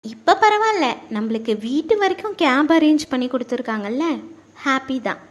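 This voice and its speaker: A woman's voice: sits high, animated, brisk. A woman voicing a friendly, chatty young female coworker who reassures her friend. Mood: cheerful.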